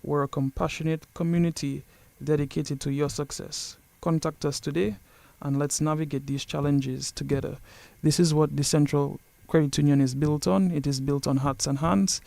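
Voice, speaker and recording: A man with a fairly high voice and a gravelly edge gives a prepared informational talk. He is formal and measured, keeps his intonation flat, and is recorded dry and close. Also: dry recording. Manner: measured, formal, point-by-point delivery. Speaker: credit union representative.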